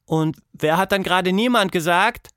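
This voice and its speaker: A man voicing a curious, lonely young girl in a storybook reading, bright and playful in tone. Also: high-pitched, moderate pace, no room sound, clean studio sound, pitched above the performer's own voice.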